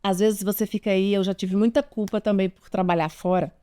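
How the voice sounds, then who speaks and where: A woman's voice: medium pitch, steady tone, brisk, warm tone, clean tone. A woman in her forties with a Brazilian Portuguese accent, giving parenting advice straight to her listeners in an earnest, emphatic way, often repeating her key points. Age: 40s. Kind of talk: direct-to-camera advice talk.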